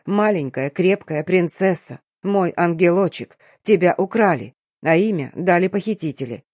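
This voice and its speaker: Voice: medium pitch, no room sound, studio quality, close to an everyday voice. A reader voicing a patient middle-aged father. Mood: tender. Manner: slow, calm and patient. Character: middle-aged father, stubbled, gray-streaked, patient, tender. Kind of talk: audiobook reading.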